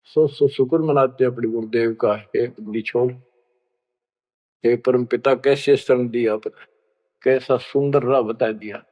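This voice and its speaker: A man with a Haryanvi accent preaching a storytelling sermon with chanted verses in a slow, homely manner. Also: mid-range voice, fairly even intonation. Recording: echoey hall, dull lo-fi sound.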